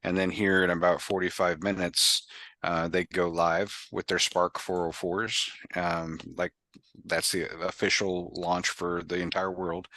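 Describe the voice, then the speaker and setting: A man's voice: deep voice, flat delivery, measured pace, bright, forceful tone, no echo. A man hosting a casual group video call, talking in a rambling way with many fillers and restarts. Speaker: host.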